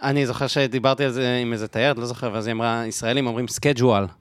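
A man's voice: medium pitch, steady tone, a bit bright, clear, resonant tone, no echo, studio quality. An Israeli man with an Israeli accent chatting in an informal, slangy, playful way. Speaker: podcast speaker. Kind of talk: casual chat.

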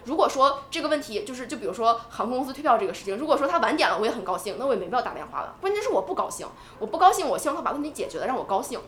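A woman co-hosting a podcast in casual chat, animated and talking in quick bursts with restarts. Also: on the high side, echoey room. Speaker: podcast co-host.

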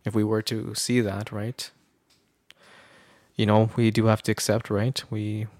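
A man's voice: on the low side, monotone, measured pace, a little mellow, no room sound, studio quality. A man talking casually about faith in a hesitant, roundabout way, often checking for agreement. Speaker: podcast co-host. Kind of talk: casual religious discussion.

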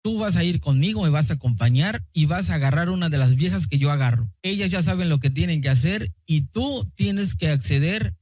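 A man's voice: on the high side, lively intonation, fairly quick, few pauses, a little mellow, no room sound, studio quality. A man with a Mexican accent voicing a bullying, harsh macho father who is a colonel. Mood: domineering. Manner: bullying, contemptuous.

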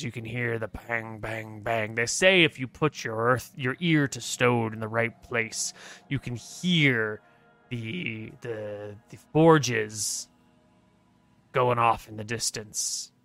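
A man's voice: medium pitch, slow pace, creaky, pushed and bright, voice pushed down, heavily acted. A man voicing a chatty trader who rambles scornfully about dwarves in a folksy way. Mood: gossipy.

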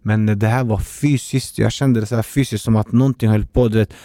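A man's voice: lowish voice, fairly even intonation, mellow, dry recording, clean studio sound. A man co-hosting a podcast, telling his own experiences candidly and often quoting his own thoughts. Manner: candid, personal storytelling with quoted self-talk. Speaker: podcast co-host. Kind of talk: casual conversation.

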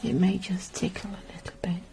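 A woman whispering slowly and carefully through an ear-cleaning ASMR roleplay. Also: on the low side, flat delivery. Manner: soft unvoiced whisper, slow and careful.

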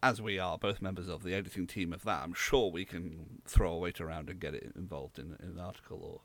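This young man from rural Southwest England co-hosts a podcast, chatting casually with a low, steady, slightly bright voice at a brisk clip. He rambles and hesitates, explaining things at length.

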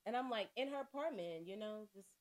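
A young woman co-hosting a podcast, telling a story in casual chat, profane and quick to laugh, acting out what her friends said. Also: mid-range voice. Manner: animated, acts out quoted friends. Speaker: podcast co-host.

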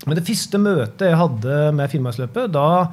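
Norwegian man hosting a relaxed chat. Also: a little high. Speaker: podcast host. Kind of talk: casual conversation.

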